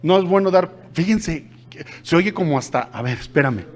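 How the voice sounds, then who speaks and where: A Mexican man leads a Bible study as pastor, his voice sitting high for a man. He teaches animatedly, slipping into casual slang and acting out the scenes he explains. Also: moderate pace. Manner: animated, uses colloquial slang, acts out quotes.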